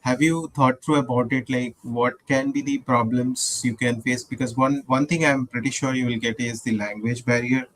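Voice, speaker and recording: A man judges on a remote panel, asking a long, winding question. He repeats words and tags his points with little checks for agreement. His voice sits at an ordinary middle pitch. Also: fairly even intonation, normal speed, few pauses, low-quality recording. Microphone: video call.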